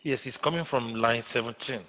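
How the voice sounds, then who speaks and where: A man's voice: medium pitch, normal speed, pushed and bright. A man with a Nigerian accent teaching a live online coding class, repeating himself and often checking whether students follow. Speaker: instructor. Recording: muffled lo-fi audio.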